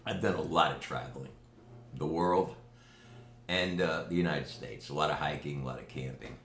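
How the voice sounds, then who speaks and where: Speaking slowly and deliberately, this older New Yorker brags with emphasis in a video message filmed at home. His pitch is extremely low and gravelly, a bit bright, with a New York accent, and faint ambient noise fills the echoey room.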